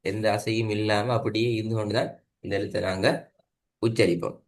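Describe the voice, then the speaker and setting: A man with a somewhat low voice teaches Quran recitation one on one over an online call. He explains step by step, repeats points patiently and keeps checking that his student follows. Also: flat delivery, brisk. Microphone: video call.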